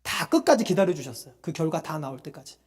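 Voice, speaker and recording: A pastor preaches a sermon in a mellow, warm-toned voice pitched in the middle range. The delivery is emphatic, full of rhetorical questions and direct calls to the listeners. Hallelujahs punctuate the talk. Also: very animated, fast, husky.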